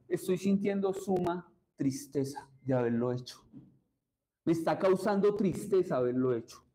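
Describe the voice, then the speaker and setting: A man's voice: high-pitched, dark tone, rough recording. A man, preaching a sermon as pastor and putting questions to the congregation.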